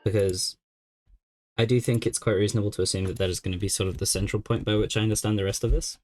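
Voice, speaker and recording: A man's voice: lowish voice, steady tone, quick pace, soft background music. A young man streaming a game, chatting casually and thinking aloud as he works through a puzzle. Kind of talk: casual live-stream chat.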